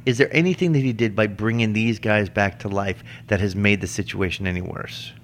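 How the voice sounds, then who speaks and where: A man with a fairly low voice in a relaxed podcast chat about a TV show. He laughs easily, hedges and restarts sentences while he works out his point. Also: fairly quick, slight background noise. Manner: chatty, laughs often, frequent restarts and fillers. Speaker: podcast co-host. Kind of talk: casual chat reviewing a TV series.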